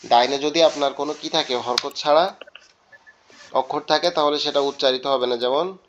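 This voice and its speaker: A man teaching an online Quran class, drawing out Arabic words slowly and quizzing his students. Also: on the high side, dull audio. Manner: slow, drawn-out pronunciation of Arabic words, asks students questions. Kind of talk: online Quran recitation lesson. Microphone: video call.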